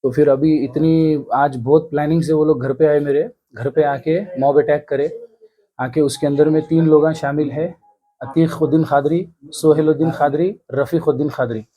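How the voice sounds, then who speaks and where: A man in his thirties with a Hyderabadi accent, giving an earnest, halting news interview. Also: on the high side, fairly even intonation, lo-fi sound. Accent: Hyderabadi Hindi. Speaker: interviewee, complainant. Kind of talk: news interview, recounting an attack.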